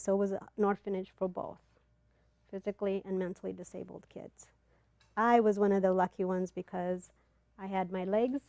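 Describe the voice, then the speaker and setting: A middle-aged woman from Ethiopia telling a personal story to a live audience, earnest and halting, with pauses and fillers, on a clip-on mic. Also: mid-range voice, vocal fry, warm tone, dry recording. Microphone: clip-on mic, not in front of the face.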